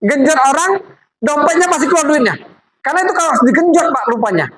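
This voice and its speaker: A fast-talking woman with an expressive, high-sitting voice presents MLM products live to a group, coaxing and chatting as she directs volunteers. The low-quality recording includes crowd noise from the audience.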